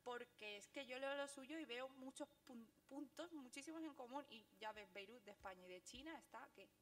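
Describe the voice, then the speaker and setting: A young woman with an Andalusian accent, giving a fast, animated talk with lots of laughter at a book presentation. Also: high voice, a little hiss or hum. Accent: Andalusian Spanish. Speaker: guest speaker, graphic novelist.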